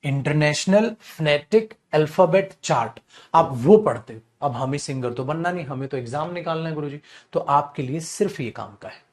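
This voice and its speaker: A man's voice: fairly high pitch, animated, moderate pace. A male English grammar teacher with a Hindi accent, lecturing a class and answering his own questions as he explains.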